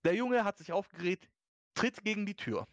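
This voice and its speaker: A young man spins a story in fast, casual slang and jumps into the voices of the people in it. The sound is close and dry, with no room around it. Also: sits high, no echo, lo-fi sound. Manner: animated storytelling, slangy, acts out quotes. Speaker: podcast host. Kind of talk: casual chat.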